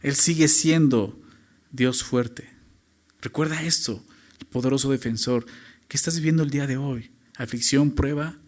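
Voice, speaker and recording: Emphatic pastor preaching. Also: male voice, moderate pace. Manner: emphatic, with rhetorical questions to the congregation; swings from loud high emphasis to low quiet phrases. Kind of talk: sermon.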